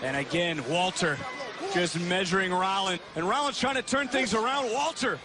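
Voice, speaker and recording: A man calling live wrestling as an emphatic, often shouting play-by-play commentator. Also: high-pitched, moderate pace. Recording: loud arena noise behind voice. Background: noisy live wrestling event.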